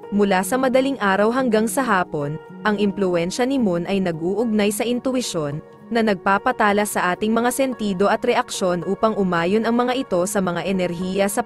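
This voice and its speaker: A woman narrating daily horoscopes in a measured, formal reading style. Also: mid-range voice. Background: faint background music.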